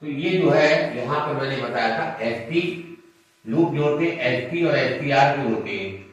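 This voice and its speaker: A man's voice: mid-range voice, a little slow, dull audio. A man teaching shorthand, explaining each stroke patiently and step by step. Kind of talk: classroom lesson at a board. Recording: echoey room, mic far off.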